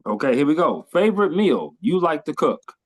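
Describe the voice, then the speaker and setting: With a higher-leaning voice that swings widely in pitch, this California podcast host speaks at a normal speed. He's eager and enthusiastic in the casual interview, scattering fillers and repetitions throughout.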